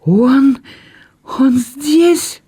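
A man's voice: extremely high pitch, a little slow, mellow, voice pushed up. A man reading an audiobook and voicing a tearful young woman in love, speaking in a sobbing, breathless way. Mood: startled.

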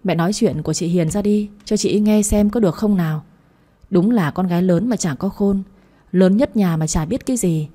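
A woman's voice: medium pitch, moderate pace, dark tone, natural voice. A woman voicing a scornful young daughter-in-law who mocks and insults her in-laws. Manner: mocking, insulting.

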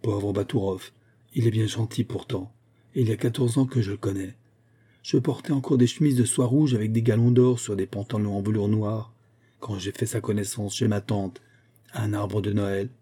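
A man's voice: fairly low pitch, steady tone, moderate pace, dark tone, slightly rough. A man voicing an earnest, lovesick young nobleman from an old novel. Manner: earnest, slightly embarrassed. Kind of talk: audiobook character reading.

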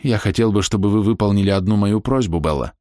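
A man voicing a gravely ill young man who speaks quietly and haltingly in an audiobook reading. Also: on the low side, no echo, clean studio sound, natural voice. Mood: sad.

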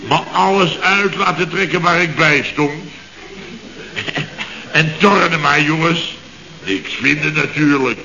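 A boastful worker at a building firm, spinning a tall tale in short, punchy bursts in a 1960s radio comedy. The voice is bright and slightly high, with an unhurried, drawn-out delivery. The sound is dull, like an old radio broadcast recording. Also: male voice, heavily acted. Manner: animated anecdote-telling in short punchy bits. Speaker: employee at a building contractor's firm.

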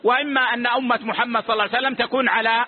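A man with a very high voice teaches a religious lesson, answering questions in a measured, authoritative way. The recording is tinny and narrow, like a phone line. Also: fairly even intonation. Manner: measured, authoritative, closes each answer with a short "yes".

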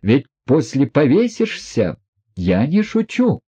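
A man reading an audiobook, voicing a proud, defiant young woman who gives commands in loud exclamations. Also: a little high, huge pitch swings, measured pace, breathy edge, pitched above the performer's own voice, exaggerated voice. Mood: imperious.

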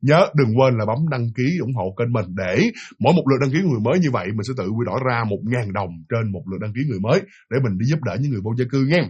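A man's voice: medium pitch, animated, rapid-fire, few pauses, a little mellow, husky, highs cut off. A man with a Southern Vietnamese accent telling a ghost story casually, talking straight to his listeners. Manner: chatty, addresses listeners directly.

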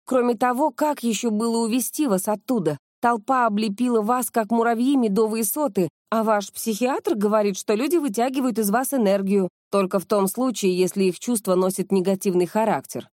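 A woman reading the part of a bold, quick-witted young woman in an audiobook. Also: a little high, darkish tone, no echo, studio quality, natural voice. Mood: brisk.

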